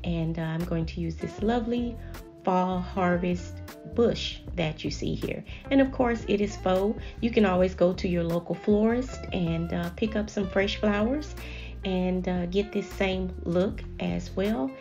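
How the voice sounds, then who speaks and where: A woman hosting a home decorating channel, gently chatting viewers through each step in a voice-over. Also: fairly low pitch, unhurried, dull audio, soft background music. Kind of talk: voice-over narration of a decorating video.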